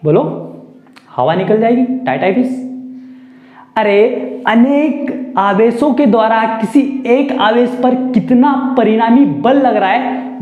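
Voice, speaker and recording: A man teaching a physics lesson at a slow, deliberate pace, recorded in an echoey room. He talks playfully and keeps asking his students questions. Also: sits high, darkish tone. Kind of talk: classroom lesson.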